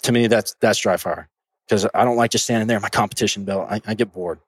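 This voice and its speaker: A man's voice: lowish voice, steady tone, fast talker, breathy edge, dry recording. A man, a shooting instructor, talking earnestly in a casual podcast conversation, often restarting his words.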